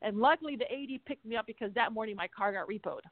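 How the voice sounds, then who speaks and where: Woman, quick and higher-pitched, animated storyteller, tinny phone-line sound, dry. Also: no room sound. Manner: animated, swearing, acts out quotes. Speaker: actress and stunt performer, guest. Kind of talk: casual interview storytelling.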